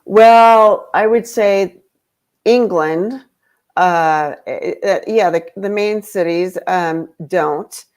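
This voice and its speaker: A woman's voice: medium pitch, very slow, a little mellow. A woman talking casually as a podcast guest, rambling with lots of fillers and restarts. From grew up in Europe. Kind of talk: casual conversation.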